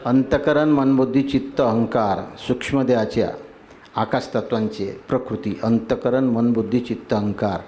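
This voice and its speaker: A man's voice: mid-range voice, normal speed, dark tone, a little hiss or hum. A man, a spiritual teacher giving a devotional sermon. He lists terms in rhythmic runs and keeps asking his listeners whether they agree. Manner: asks the audience for agreement.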